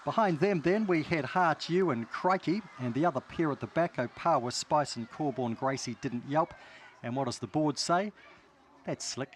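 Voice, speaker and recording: A man's voice: on the high side, normal speed, slight background noise. A man with a New Zealand accent calling greyhound races live, listing runners in short clipped phrases. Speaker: greyhound race caller. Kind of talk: live race commentary.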